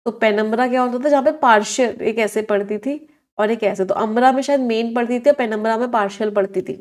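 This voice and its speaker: A woman's voice: a little high, fast, a little mellow. Hindi-English mixing woman teacher. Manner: explains words in Hindi mixed with English, asks the class questions. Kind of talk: online exam-prep lesson.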